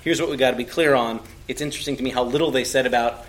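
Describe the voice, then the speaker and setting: A man's voice: medium pitch, steady tone, racing, a little hiss or hum. A man in a conversational theological discussion, talking discursively and rephrasing as he goes. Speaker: podcast panelist.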